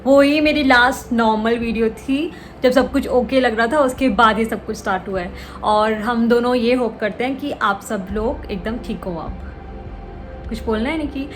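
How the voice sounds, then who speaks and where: A woman's voice: on the high side, moderate pace, soft background music. A young woman chatting casually in a home vlog, teasing her sister and talking to viewers. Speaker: vlogger.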